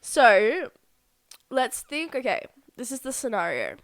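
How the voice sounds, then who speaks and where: A young woman co-hosts a relaxed podcast, chatting loosely and leaning on "like" as she talks. Her voice sits slightly high. The sound is dry and close, with no room behind it. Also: takes it slowly, no room sound. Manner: chatty, heavy use of "like". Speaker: podcast co-host. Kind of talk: casual chat.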